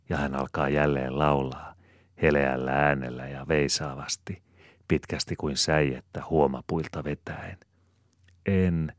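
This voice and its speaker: A man reading a novel aloud as an audiobook narrator, in calm, even storytelling. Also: very deep voice, no echo, studio quality. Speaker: audiobook reader. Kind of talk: scripted narration.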